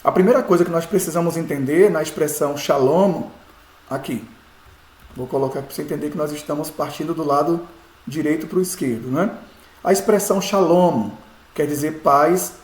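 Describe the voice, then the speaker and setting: A man's voice: fairly high pitch, moderate pace, long pauses. Patient man teaching Hebrew. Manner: patient, explains step by step, asks rhetorical checks. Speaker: pastor teaching biblical Hebrew. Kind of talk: classroom-style lesson. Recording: echoey room.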